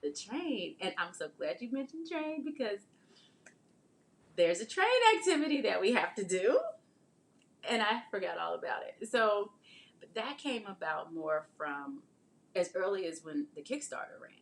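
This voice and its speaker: A woman who is a host, marketing strategist, and children's book author leads a casual interview, chatting and telling stories conversationally. Her medium-pitched voice swings widely in pitch at a normal speed.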